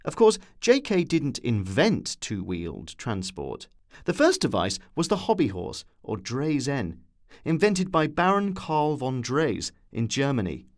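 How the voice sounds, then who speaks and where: The man narrates a scripted documentary a little slowly, with a wry touch to how he tells the story. His pitch swoops wildly, rising and falling a great deal.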